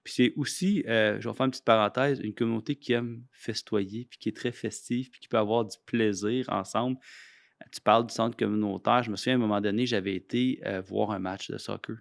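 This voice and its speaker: A man with a Québécois accent hosting a podcast, chatting warmly with many restarts and fillers. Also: on the low side, fairly even intonation, a little fast, creaky, no room sound, studio quality. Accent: Québécois French. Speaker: podcast host, foundation CEO. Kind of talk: casual podcast interview.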